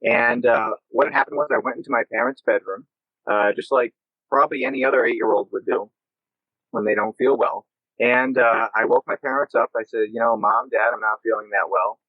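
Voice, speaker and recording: A man's voice: lowish voice, steady tone, a little fast, no room sound. A man from Massachusetts, a guest paranormal investigator, telling a story over a choppy, breaking-up video call with many "uh" fillers. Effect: choppy, breaking-up video call connection. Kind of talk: casual interview answers. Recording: dull lo-fi call audio.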